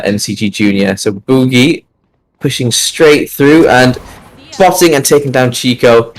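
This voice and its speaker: Male esports co-caster, mid-pitched voice, steady analytical commentary. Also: low-quality recording. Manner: steady, analytical breakdowns of the game. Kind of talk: live game commentary and analysis.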